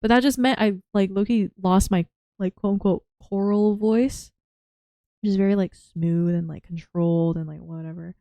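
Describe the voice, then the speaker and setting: A woman streaming casually while drawing, rambling and interrupting herself as she jumps between topics, with a voice that is going hoarse. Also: medium pitch, steady tone, moderate pace, mellow, no echo. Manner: rambling, self-interrupting, chatty. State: losing her voice.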